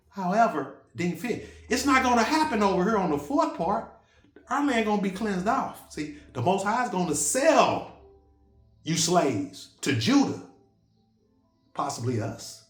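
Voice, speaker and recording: A man's voice: high voice, a bit bright, reverberant. A man preaching in an impassioned religious monologue, blunt, profane and rambling. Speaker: self-styled preacher.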